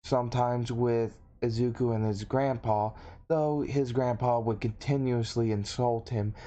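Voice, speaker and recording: A man telling a story in a casual, halting, unscripted way. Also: on the low side, warm tone.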